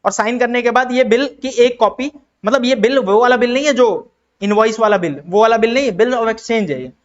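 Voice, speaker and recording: Man from India, high-pitched voice, accounting teacher, asks and answers his own questions, dull lo-fi recording. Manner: acts out quick exchanges in other voices. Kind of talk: classroom-style explanation with questions to students.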